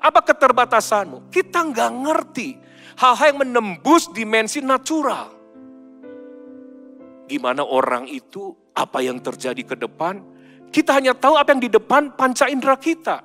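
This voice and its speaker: A middle-aged male pastor preaching a sermon in an animated, storytelling way. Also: very high voice, moderate pace. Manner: animated preaching with sudden loud mimicked baby cries. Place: large church hall. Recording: hall reverb with faint music.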